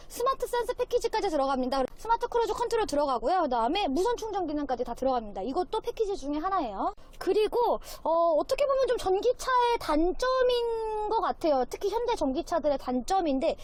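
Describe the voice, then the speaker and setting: Very high, fast-talking woman selling cars. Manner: talkative salesperson pitch, explaining features point by point. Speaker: used car dealer presenting a car. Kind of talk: informal sales walkaround.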